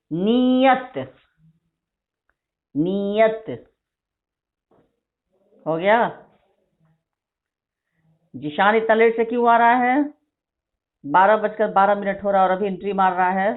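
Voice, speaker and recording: A woman teacher dictating a vocabulary list to her class, repeating each word slowly and explaining spelling. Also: medium pitch. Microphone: phone recording of an online class. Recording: tinny phone-like screen recording.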